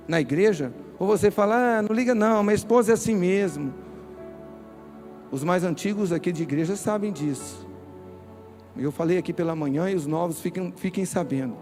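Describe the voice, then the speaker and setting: A man's voice: a little high, a little mellow. A man with a Brazilian Portuguese accent preaching a sermon in church, emphatic and speaking straight to his listeners. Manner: emphatic, direct, addresses listeners. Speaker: pastor.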